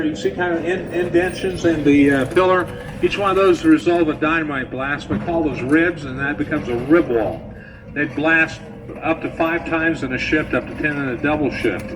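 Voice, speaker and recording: A man guiding visitors through an underground mine, his voice played over the tour train's loudspeakers, explaining plainly and patiently with a few filler words. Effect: voice played over a train car's loudspeakers. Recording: distant, noisy speaker sound with vehicle rumble.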